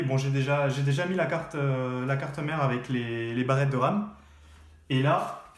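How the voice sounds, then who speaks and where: A man unboxing computer parts in a casual vlog, talking hesitantly with lots of fillers and restarts. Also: fairly high pitch. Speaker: tech youtuber. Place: room at his desk. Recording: echoey room, faint background noise.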